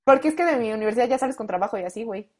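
A young woman with a Mexican accent, close to twenty, telling a story in casual chat, animated and full of slang, acting out what people said. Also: fairly high pitch, very fast, husky. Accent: Mexican Spanish. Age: late teens. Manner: animated, slangy, acts out quoted lines. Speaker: guest.

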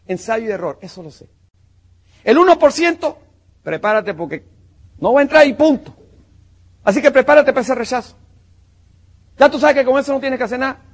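A man's voice: very high voice, expressive, fairly quick, long pauses. A man giving a motivational business talk to a live audience, punchy and emphatic, calling his listeners champion and brother. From Panama. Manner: punchy and emphatic, calls listeners "campeón" and "mi hermano".

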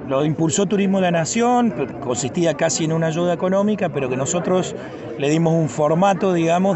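A man's voice: on the high side, dull audio. A man with a Cordoba Argentine Spanish accent, explaining things conversationally as a tourism official in a spontaneous radio interview. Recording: busy outdoor crowd noise.

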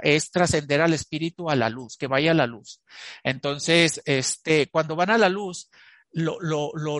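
Male therapist, slightly high voice, dry sound, storytelling interview full of fillers and restarts. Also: a bit bright, no echo. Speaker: channeling therapist. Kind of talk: recounting cases to an interviewer.

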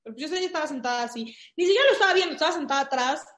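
A woman's voice: high-pitched, racing. A woman with a Mexican Spanish accent, telling a story in casual chat, full of fillers. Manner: animated storytelling with many fillers. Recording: echoey room.

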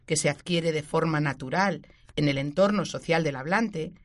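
A woman teacher, explaining a grammar point clearly and giving spoken examples on a radio show. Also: sits low, moderate pace. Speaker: Spanish language teacher.

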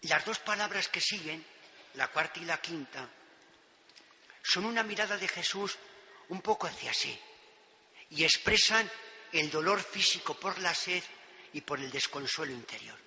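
High, bright-voiced Spanish preacher in echoing church. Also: male voice, animated, measured pace, long pauses, a little hiss or hum. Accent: Spain Spanish. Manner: emphatic, swinging between loud declarations and hushed quotes. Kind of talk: sermon. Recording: long church reverb, dull lo-fi sound.

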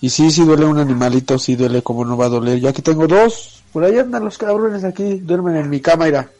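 A man's voice: on the high side, fast talker, warm tone, soft background music. A man with a Mexican accent, a listener checking in to a show with casual, slangy talk. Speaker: caller. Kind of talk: casual voice message.

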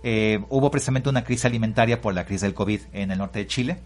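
A man's voice: fairly low pitch, fast, darkish tone. A Mexican man, a guest musician, talking at length in a casual radio interview with many filler words. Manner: talks freely and at length, with many "pues" and "este".

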